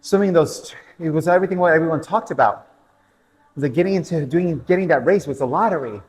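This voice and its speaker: Cycling coach guy, counting down intervals and telling his race story, kinda high voice, echoey hall. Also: fast, a little mellow. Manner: motivational, counts down intervals, breathing cues. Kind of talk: spin class coaching mixed with personal storytelling.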